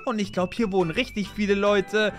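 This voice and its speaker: A woman's voice: mid-range voice, brisk. A woman hosting and playing in a game role-play, chatty and full of exclamations. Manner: lively, chatty, exclaims a lot. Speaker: channel host playing the lead. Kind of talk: Minecraft role-play with narration to viewers. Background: background music.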